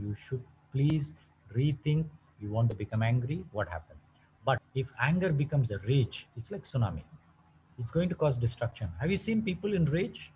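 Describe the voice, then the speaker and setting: A wellness presenter with a mid-range male voice gives a motivational health talk, full of lively stories and frequent rhetorical questions. The recording sounds dull and lo-fi, with slight background noise.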